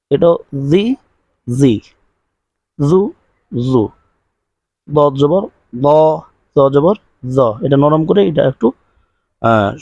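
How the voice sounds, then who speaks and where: Male tutor, unhurried syllable drills, dry close sound. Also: a little high, a little mellow, no room sound. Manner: slow drilled syllable-by-syllable recitation. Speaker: Quran recitation teacher. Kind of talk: online pronunciation lesson.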